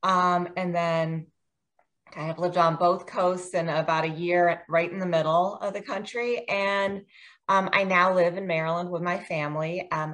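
An American guest author in her forties chats through a casual interview, self-deprecating and full of ums. Her voice is on the low side and a bit bright.

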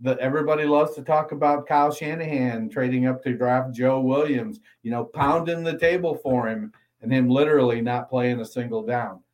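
A man co-hosting a football podcast, reading an ad and then talking through prospects in a measured, analytical way. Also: mid-range voice, steady tone, darkish tone, rough recording. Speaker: podcast co-host. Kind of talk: casual sports talk and ad read.

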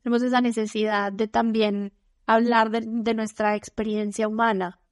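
A woman hosting a casual podcast, her voice sitting a bit higher than most. She chats easily and keeps asking follow-up questions. The sound is dry and close. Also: flat delivery, normal speed, dry recording. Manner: conversational, asks follow-up questions. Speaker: podcast host. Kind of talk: casual interview chat.

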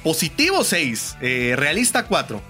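A man's voice: on the high side, huge pitch swings, unhurried, sharp tone, soft background music. A man with a Guatemalan accent co-hosting a football podcast, chatting with enthusiasm and frequent laughter. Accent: Guatemalan Spanish. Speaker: podcast co-host. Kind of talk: casual football chat.

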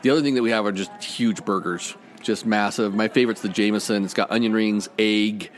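A man in middle age runs a diner and talks about it in a casual podcast chat. He rambles through his stories quickly and with plenty of enthusiasm. His voice sits low, and faint diner noise runs behind him. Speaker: diner owner. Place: diner dining room.

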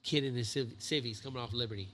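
This man in his thirties talks fast in a mid-range, slightly bright voice. He's a Navy chief co-hosting a podcast, swearing a lot as he tells rambling stories in casual chat.

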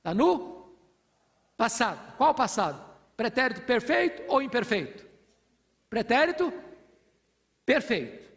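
A man's voice: extremely high pitch, sing-song, measured pace, gravelly, pauses often, fairly bright tone. A man preaching an expository sermon, teaching with rhetorical questions and building to fervent proclamation.

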